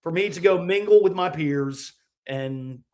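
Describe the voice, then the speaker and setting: A young man co-hosting a sports podcast, telling stories in a casual, animated way and saying "dude" often. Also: a little high, measured pace. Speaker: podcast co-host. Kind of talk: casual chat.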